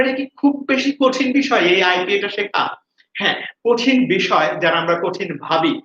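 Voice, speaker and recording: A high, bright-voiced man teaches English pronunciation with lively energy, repeating each word for his students to echo back. The recording sounds roomy and a little dull, with faint hiss underneath. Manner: energetic, repeats words for students to say after him. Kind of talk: classroom-style video lesson, mixing Bengali and English.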